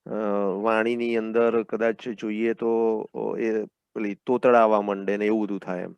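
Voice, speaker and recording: A man's voice: fairly low pitch, level tone, unhurried, gravelly, clean tone, no room sound, muffled recording. A man taking part in an online group discussion, answering hesitantly and searching for words over a video call. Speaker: session participant.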